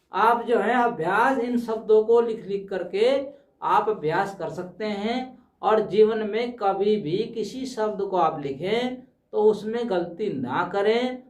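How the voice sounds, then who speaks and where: A man's voice: high voice, far from the mic. Male teacher heard from across a room. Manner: patient, repeats words slowly, checks in with 'ठीक है' often. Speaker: Hindi teacher. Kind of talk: explanatory classroom lesson. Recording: roomy, dull sound from off-mic.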